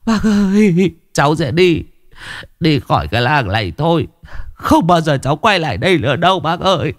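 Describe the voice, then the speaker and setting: A man's voice: fairly high pitch, big pitch swings, normal speed, no room sound, studio quality, pitched above the performer's own voice. A man voicing a desperate young village man who stammers and begs through tears in a ghost story. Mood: tearful pleading. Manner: tearful, stammering pleading. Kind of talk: storybook ghost tale voice acting.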